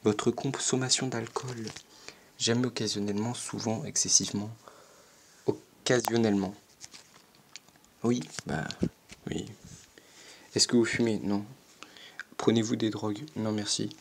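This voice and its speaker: This teenage YouTuber, aged fourteen, works through an online quiz aloud, reading and answering questions in a hesitant, self-deprecating way full of stammers and fillers. His fairly low voice stays fairly even, a little slow with frequent pauses, over a noisy background.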